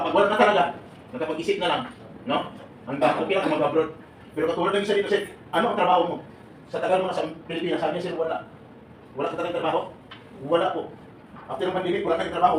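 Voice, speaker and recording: At a seminar for departing overseas workers, a Filipino man with a somewhat high voice quizzes the live audience, animated and laughing. He mixes English into his Filipino. The recording is echoey, roomy and distant, with clear background noise.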